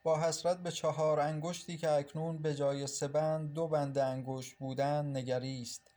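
A man narrating an audiobook in a measured, sorrowful reading. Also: on the high side, little pitch movement, mellow.

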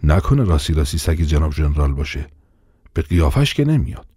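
A man's voice: deep voice, very animated, warm tone, breathy edge, dry recording, studio quality, full character voice. A man voicing a deferential policeman in an audiobook. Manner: deferential, sure, then musing.

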